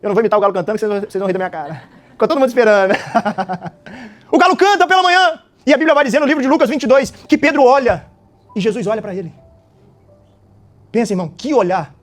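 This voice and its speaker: A man, preaching an animated, dramatic sermon and often tossing out little tag questions. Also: sits high, fast talker, long pauses.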